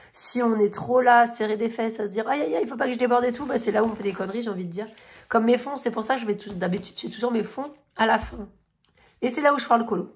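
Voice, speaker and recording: A woman in her thirties chatting casually in a coloring vlog, gushing and rambling with many fillers and restarts. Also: mid-range voice. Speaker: coloring vlogger. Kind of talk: casual chat showing coloring books and finished pages.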